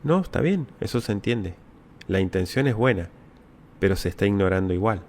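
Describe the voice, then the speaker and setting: A Latin American man answers viewer questions about the Bible, teaching step by step in a didactic way, repeating key words and checking in with frequent short rhetorical tags. His voice is lowish, expressive and a little mellow, with a fairly quick pace.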